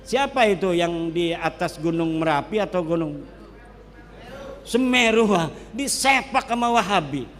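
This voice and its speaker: An Islamic cleric from Banten gives a religious lecture in a fairly high voice. He talks in a lively, joking way and slips between regional languages. His voice rings with a long hall reverb. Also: a little slow. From Banten, Indonesia.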